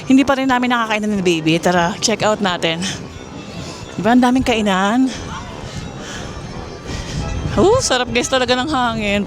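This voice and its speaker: Casual vlogger: Filipino woman, fairly high voice, raising it over crowd noise outdoors, music audible. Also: rough recording. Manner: chatty, keeps addressing viewers as guys; raises her voice to be heard over the crowd. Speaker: vlogger giving a mall tour. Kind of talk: casual walking vlog. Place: busy outdoor shopping mall.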